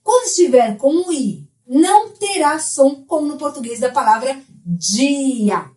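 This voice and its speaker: A woman who is a Spanish teacher, explaining a language lesson in a clear, explanatory way. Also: high-pitched, expressive, normal speed, mellow, reverberant.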